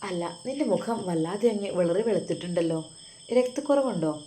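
A woman's voice: fairly low pitch, expressive, brisk, warm tone, a little hiss or hum, natural voice. A woman voicing a loving, emotional middle-aged mother who fusses tenderly over her daughter. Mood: fussing. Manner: doting, fussing, tearful.

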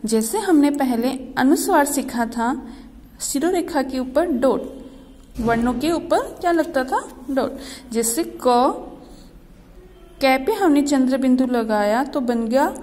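A high-voiced woman teacher speaks slowly to small children, drawing out each word and quizzing them so they repeat after her. Her voice rings in a reverberant space. The pace stays patient and unhurried. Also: animated, a little mellow. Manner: slow, drawn-out word-by-word reading with repeated questions. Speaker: primary school Hindi teacher.

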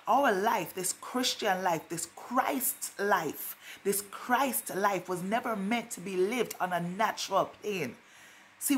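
Woman, preacher, fervent sermon, emphatic repetition, mid pitch, faint background noise. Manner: fervent, repeats phrases for emphasis.

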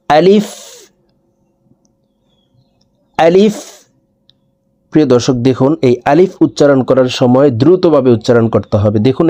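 A Quran teacher with a warm, medium-pitched voice gives a slow, step-by-step recitation lesson. He says each Arabic letter twice, then spells and explains it.

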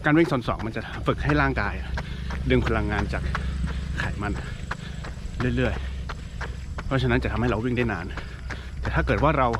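Man talking while running, noisy outdoors. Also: medium pitch. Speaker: running coach-style vlogger explaining training. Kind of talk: casual explainer talk while running. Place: outdoors, on the move. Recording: noisy outdoor recording with traffic and ambience.

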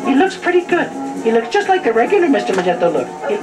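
High squeaky silly clown, excitable, childlike broken English, swooping delivery, puppet show, loud music behind. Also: female voice, fast talker, poor audio. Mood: excited, scolding. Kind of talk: live puppet show performance. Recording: music playing, room camcorder recording.

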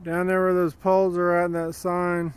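A man's voice: high-pitched, monotone, moderate pace, smooth. A man giving plainspoken, rambling commentary while walking a wooded dirt trail, recorded on a handheld phone. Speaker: vlogger. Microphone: handheld phone camera while walking.

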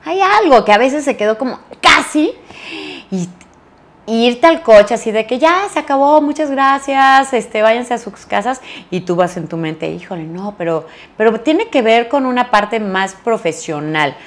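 A woman's voice: a little high, measured pace. A middle-aged woman from Mexico, an actress talking in a casual interview and acting out the lines she quotes. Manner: animated storyteller, acts out quoted lines.

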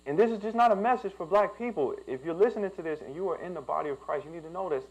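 A young pastor preaches through a personal story, his voice climbing and falling with lively swings of pitch. He sits a little above the usual male range and turns emphatic as the sermon builds. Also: very fast, rough recording.

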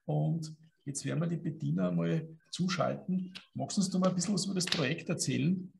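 Austrian man, host, brisk, very gravelly voice, slightly higher pitch. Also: background noise. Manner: brisk, managing the show. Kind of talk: live stream hosting. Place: studio room with concrete wall.

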